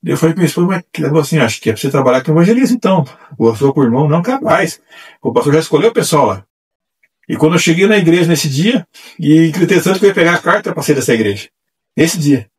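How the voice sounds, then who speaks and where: Male evangelist guest with a husky voice, lively storytelling delivery, picked up by a distant mic. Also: on the high side, fast. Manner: animated, acts out quoted voices. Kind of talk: testimony storytelling.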